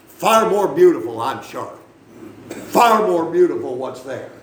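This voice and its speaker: The audio is poor and the room echoes as a high-pitched man preaches. Reading Bible passages and unpacking them casually, he poses frequent questions to his listeners and slips in humorous remarks.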